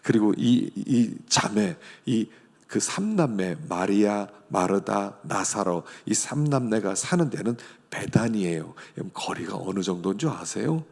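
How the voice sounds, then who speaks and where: A male pastor delivers an emphatic sermon, leaping from ringing declarations down to near-whispers. His voice is gravelly and husky, and it carries a long reverb through a church hall. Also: lowish voice, expressive, measured pace. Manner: emphatic, swings between loud declarations and hushed whispers. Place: church sanctuary.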